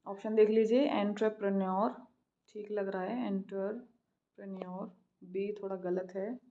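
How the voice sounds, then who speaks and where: An Indian woman tutoring an English exam, reading questions slowly and then explaining quickly. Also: medium pitch, fairly even intonation, dark tone, highs cut off. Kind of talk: exam practice lesson, Hindi-English mix.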